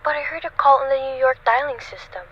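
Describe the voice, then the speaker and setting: A woman's voice: sits high, fast talker, fairly bright tone. A woman playing an anxious, demanding bedridden housewife in a radio suspense play, fretful, insistent and melodramatic. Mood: distressed. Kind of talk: old-time radio suspense play acting. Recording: muffled lo-fi recording with background noise.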